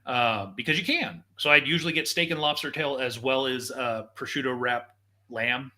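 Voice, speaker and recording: A man's voice: mid-range voice, normal speed, pushed and bright. A man hosting a casual live show, enthusiastically walking viewers through video footage like a tour guide. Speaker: show host.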